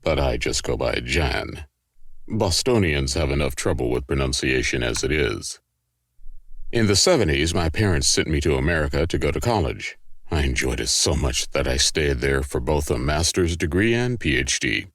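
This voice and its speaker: A man playing a janitor in a sitcom, talking in a deadpan, measured way. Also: extremely low pitch, no room sound, studio quality. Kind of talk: sitcom acting.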